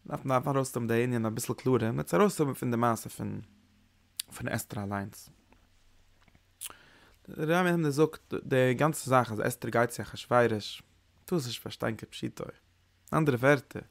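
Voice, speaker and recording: A man giving a Kabbalah lesson as a Torah teacher, speaking haltingly and often repeating words and restarting phrases. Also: medium pitch, creaky, dry recording.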